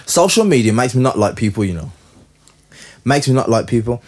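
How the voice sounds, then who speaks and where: Male, London roadman accent, street slang, casual opinionated chat, insistent repetition, medium pitch. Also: sing-song, a little fast, a little mellow. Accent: London, urban street style. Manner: emphatic, repeats phrases insistently.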